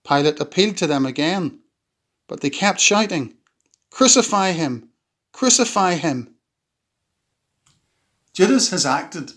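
A man's voice: on the high side, fairly bright tone. Solemn man reading a devotional. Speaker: church minister. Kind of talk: scripted devotional reflection with scripture reading.

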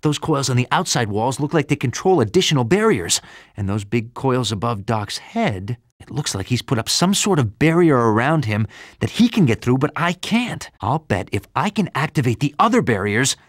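A man voicing a cocky, upbeat young superhero in a video game, with an American accent and a quippy, animated way of talking. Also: medium pitch, moderate pace, dry recording, clean studio sound. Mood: focused, analytical. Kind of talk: video game voice acting, quips and hints.

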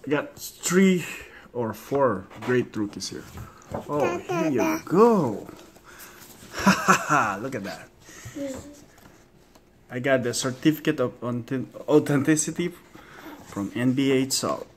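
A man in an excited, chatty unboxing vlog at home, laughing often as he talks to the camera. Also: mid-range voice, slow pace, long pauses. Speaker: vlogger. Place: home, at a table.

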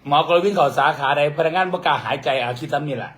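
A man's voice: fairly high pitch, lively intonation, fast, a bit bright. A man with an Isan Thai accent, chatting casually with his partner and teasing him in a playful, bickering way. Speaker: vlogger. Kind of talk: casual couple chat.

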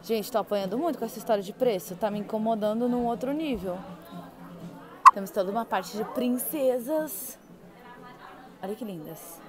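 A loud crowd surrounds a young woman from Brazil as she vlogs her way through indoor theme park gift shops, gushing to her audience. She speaks at a moderate pace in a fairly high voice, leaving long pauses.

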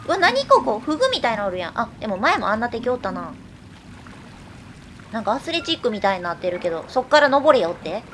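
A woman with a Kansai accent giving live gameplay commentary, excitable, calling out her own moves and repeating words as she plays. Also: fairly high pitch, fast. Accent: Kansai Japanese. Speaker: let's-play streamer. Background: game music.

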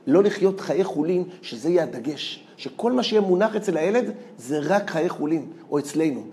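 A man with a notably high voice delivers a rabbi's lecture full of stories. He speaks with animation, doubling back on words and laughing as he goes. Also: animated, darkish tone, a little hiss or hum. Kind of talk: lively storytelling lecture.

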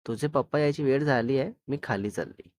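A man's voice: mid-range voice, fairly quick, darkish tone, no room sound, clean studio sound, natural voice. A man voicing a stern, suspicious middle-aged mother in a spoken storybook, scolding and sarcastic.

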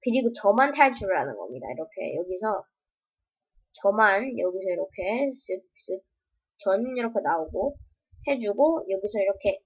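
A woman's voice: medium pitch, darkish tone, husky. A woman demoing her own game with casual, playful commentary, full of sound effects and yelps. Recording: dull lo-fi home recording.

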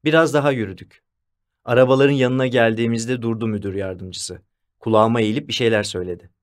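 Casting: a man with a mid-pitched voice, reading a first-person audiobook in an even storytelling way. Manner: measured storytelling. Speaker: audiobook narrator. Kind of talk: scripted first-person narration.

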